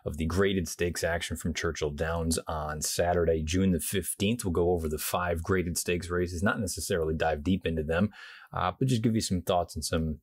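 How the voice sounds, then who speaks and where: A man hosting a horse racing show, giving casual race preview commentary in a hushed, quiet indoor voice, keeping his volume down in a hotel room. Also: deep voice, steady tone, moderate pace, breathy edge.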